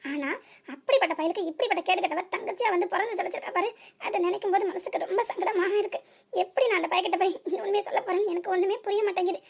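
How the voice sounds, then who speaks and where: A woman voicing a worried family woman brooding aloud over a painful secret in a cartoon serial. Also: extremely high pitch. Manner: anxious, brooding inner monologue.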